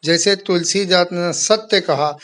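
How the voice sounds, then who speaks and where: A man's voice: high voice, measured pace, a bit bright. A man teaching a Hindi grammar lesson to schoolchildren, explaining step by step and reading out example sentences. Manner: addresses pupils kindly as "my children".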